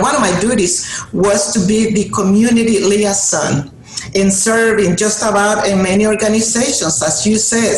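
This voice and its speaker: A middle-aged Honduran woman, a native Spanish speaker with a Honduran Spanish accent and a mid-range voice, gives an earnest motivational speech to an audience as a guest speaker. She leans on emphatic repeated phrases, and the recording has a roomy hall sound with faint noise.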